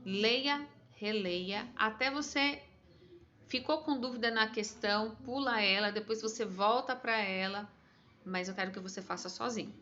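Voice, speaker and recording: A woman's voice: mid-range voice, a little slow, bright, forceful tone, highs cut off. A woman with a Brazilian Portuguese accent, a teacher patiently walking her pupils through a test with encouraging, chatty asides.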